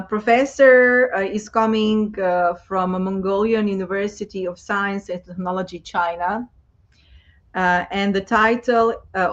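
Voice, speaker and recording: A woman moderating an online conference, praising speakers warmly with many fillers, over a video call. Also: mid-range voice. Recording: dull lo-fi video call audio.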